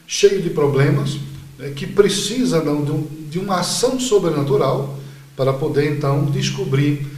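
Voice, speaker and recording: Bahian male priest, sermon-like interview answers, somewhat high voice, roomy sound. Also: a little mellow. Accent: Bahian Portuguese. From Bahia, Brazil. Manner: measured, sermon-like explaining.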